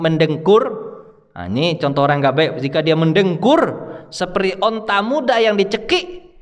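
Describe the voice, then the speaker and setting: A man's voice: medium pitch, big-room sound. A middle-aged male Islamic preacher giving a study sermon in a mosque, chatty, often asking the congregation questions. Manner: conversational, asks the congregation questions. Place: mosque hall.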